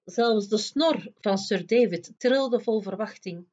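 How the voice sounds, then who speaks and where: Een vrouw die een kinderboek hardop en expressief voorleest. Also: female voice, medium pitch, slow pace, highs cut off. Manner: expressive, lively storytelling. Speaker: storyteller reading aloud. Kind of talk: reading a children's book aloud.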